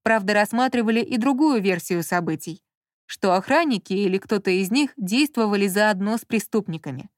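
A woman narrating an audiobook in an even storytelling manner. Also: medium pitch, a little fast, no room sound, studio quality.

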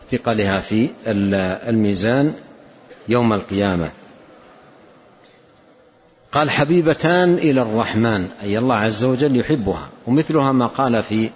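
An older man with a Saudi accent giving an Islamic religious lesson, explaining a text and often repeating his key phrases for emphasis. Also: fairly low pitch. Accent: Saudi Arabian. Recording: dull lo-fi lecture recording.

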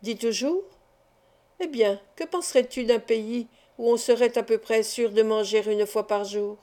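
A woman's voice: on the high side, a little slow, dark tone, natural voice. A woman voicing a clever small male street acrobat who speaks in a teasing, sententious way.

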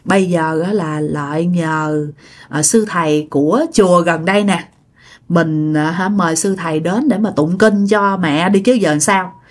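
A woman's voice: on the low side, unhurried, voice pushed down. A woman voicing a worried grown son who hesitantly suggests calling a monk. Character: worried adult son of the family.

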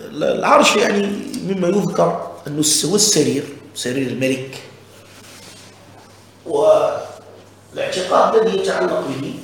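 A man's voice: medium pitch, creaky, a little hiss or hum. A man, a religious teacher explaining a text step by step and often checking that listeners follow. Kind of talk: explanatory lesson commentary on a text. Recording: very echoey room.

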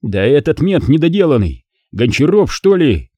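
A man's voice: on the high side, big pitch swings, moderate pace, a little mellow, breathy edge, no room sound, voice pushed up. A man reading an audiobook voices a tied-up male crook who pleads and wheedles. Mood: desperate pleading.

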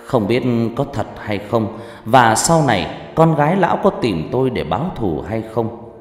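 Male audiobook narrator, animated dramatic read, long reverb, faint music bed. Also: medium pitch, moderate pace. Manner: lively, dramatic storytelling. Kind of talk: scripted horror story narration. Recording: echoey hall with faint background music.

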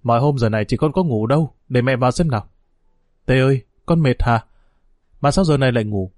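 A man's voice: medium pitch, fairly quick, darkish tone, no room sound, clean studio sound, natural voice. A man voicing a village mother whose voice turns pleading and distraught. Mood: gentle. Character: frantic grieving village mother.

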